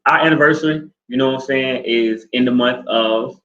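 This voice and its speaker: A man in his forties co-hosts a casual couple chat, speaking at a moderate pace in a medium-pitched, slightly bright voice. He rambles in a laid-back way with lots of fillers, recorded in an echoey room with dull lo-fi sound.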